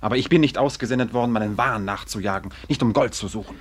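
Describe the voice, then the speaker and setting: In a German radio drama, a male actor with a low, husky voice plays a proud, dignified young Malay prince. He speaks formally and with measured care, in an urgent, formal mood.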